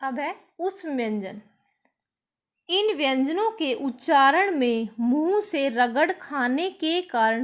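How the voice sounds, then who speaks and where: Female teacher, recorded lesson; high-pitched, unhurried, repeats each point. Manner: slow, explaining step by step and repeating each definition; asks a question, then answers it herself. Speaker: school teacher.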